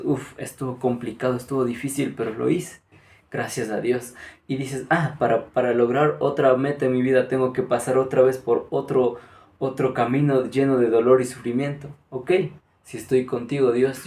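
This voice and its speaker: A man's voice: mid-range voice, darkish tone. A man giving an earnest spiritual talk, speaking directly to the listener. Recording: echoey room.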